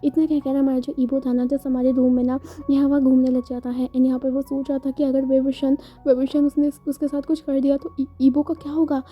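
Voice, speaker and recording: A woman's voice: sits high, level tone, fairly quick, few pauses. A woman narrating a story in a chatty, casual way, often correcting herself. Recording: dull lo-fi sound, faint music.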